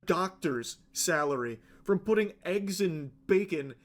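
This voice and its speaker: Young male co-host, slightly high-pitched, dry sarcastic commentary. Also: animated, a little slow. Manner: sarcastic, mocks pranksters in a whiny put-on tone. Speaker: co-host reacting to news clips. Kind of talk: casual commentary.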